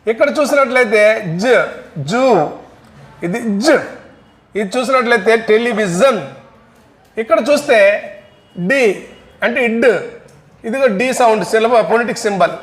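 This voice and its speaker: Male teacher with a very high voice, patient and methodical, drills each sound over and over. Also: moderate pace, long pauses, reverberant. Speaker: English teacher. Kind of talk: phonetics lesson.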